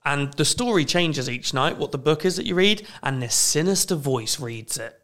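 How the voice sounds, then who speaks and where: A man co-hosting a casual gaming podcast, talking with dry, deadpan humour and laughing easily. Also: a little high, normal speed. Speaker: podcast co-host. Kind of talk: casual chat.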